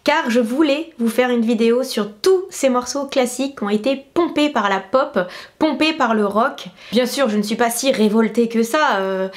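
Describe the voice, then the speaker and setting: A woman's voice: a little high, normal speed. A woman who is a classical pianist, hosting a casual explanatory vlog in a chatty, emphatic way with frequent hesitations. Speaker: classical pianist and video host.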